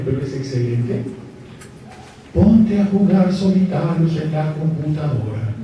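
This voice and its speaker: A man's voice: fairly high pitch, dark tone. A man giving a live conference lecture, joking and asking the audience questions. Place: large lecture hall. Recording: echoey hall, mic far off, faint hiss.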